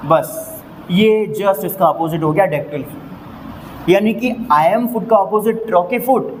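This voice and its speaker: Male Indian tutor, high pitch, patient repeat-and-check delivery, long reverb. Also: slight background noise. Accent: Indian English. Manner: repeats each point, asks checking questions; reads English definitions slowly, explains in Hindi. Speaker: English teacher. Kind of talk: explaining a lesson on a board.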